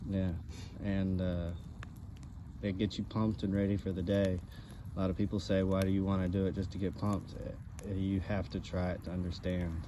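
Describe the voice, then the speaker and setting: A man in a casual, halting conversational chat, speaking as a co-host. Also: deep voice, little pitch movement. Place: outdoors by a campfire. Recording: outdoor ambient background noise.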